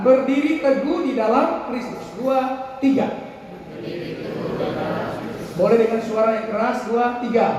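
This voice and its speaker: High-voiced man preaching in an echoey hall. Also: darkish tone. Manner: storytelling, leads the crowd in call and response. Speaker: pastor. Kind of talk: sermon to youth. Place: large school hall, indoors. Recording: echoey hall, distant mic, faint room noise.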